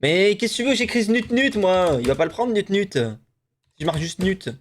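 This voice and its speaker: A man's voice: sits high, expressive, moderate pace, a little hiss or hum. A young man from the French Basque Country chatting casually as a stream host, talking to his co-host while he plays and swearing often. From Basque Country, France. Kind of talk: casual live-stream chat.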